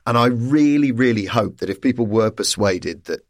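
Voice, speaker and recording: A man's voice: medium pitch, lively intonation, moderate pace, no echo, studio quality. A man chatting as a comedian guest on a panel, playful and laughing as he rambles through asides. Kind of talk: casual panel chat.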